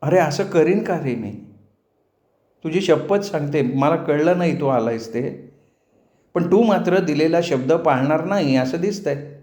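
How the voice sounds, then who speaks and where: A man's voice: a little high, lively intonation, measured pace, darkish tone, pitched above the performer's own voice. A man voicing a young village woman who teases and pleads with her sweetheart, for an audiobook with roomy echo. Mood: teasing, pleading.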